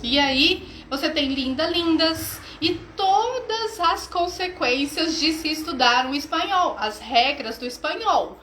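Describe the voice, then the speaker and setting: A woman's voice: sits high, animated, slow pace, few pauses, a bit bright, reverberant, a little hiss or hum, poor audio. A woman teacher with a Brazilian accent, giving an enthusiastic, chatty live-streamed lesson and laughing often. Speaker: English teacher.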